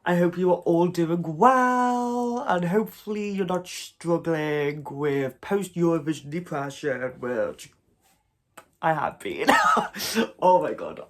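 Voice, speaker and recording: Brief: male YouTuber, casual to-camera chat, unhurried delivery, effusive, laughs easily. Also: a little high, animated. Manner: chatty and gushing, laughs often.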